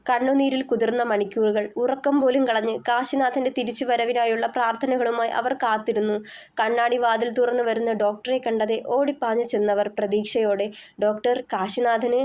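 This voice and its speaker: A woman's voice: fairly high pitch, steady tone, fairly quick, darkish tone. A woman narrating her own novel in an emotive, literary reading, on a slightly dull recording. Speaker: storyteller and author.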